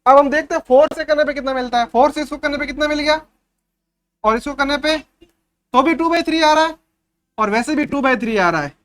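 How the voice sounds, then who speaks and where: High-voiced man teaching children. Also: a little fast, fairly bright tone. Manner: keeps checking the class understands; patient, step-by-step explaining. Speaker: maths teacher. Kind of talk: revision class for young pupils.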